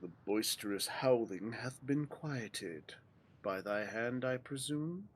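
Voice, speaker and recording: Against slight background noise, a man with an animated, medium-pitched voice slowly voices a weary ancient male dragon in a game. His grave, archaic lines are solemn, and he stumbles now and then from reading them cold.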